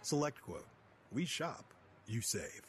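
A man playing a persuasive, helpful insurance pitchman in a commercial, with an upbeat, salesy delivery. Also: big pitch swings, slow pace, slight background noise.

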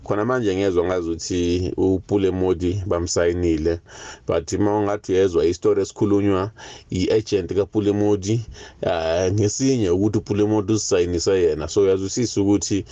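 A man's voice: low voice, fairly even intonation, brisk, warm tone, no room sound. A man with a South African accent casually giving his sports opinion as a caller to a radio phone-in. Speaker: radio call-in listener. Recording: dull muffled call audio.

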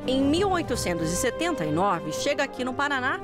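A woman narrates a documentary segment in a bright, higher voice whose pitch leaps around. Her delivery is scripted and lively, like a reporter telling a story. Music plays clearly behind her. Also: a little fast.

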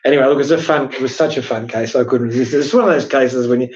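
Male podcast co-host, mid pitch, emphatic explainer, slightly muffled lo-fi sound. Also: quick pace, a little mellow. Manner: chatty, emphatic, explains with rhetorical questions. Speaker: podcast co-host, workplace lawyer. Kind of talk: casual legal discussion podcast.

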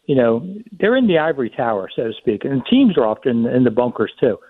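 A man's voice: medium pitch, very animated, brisk, husky, no room sound. A man who writes about sports, a guest on a radio show giving wry commentary. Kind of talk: phone-in radio interview. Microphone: telephone. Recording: tinny phone line.

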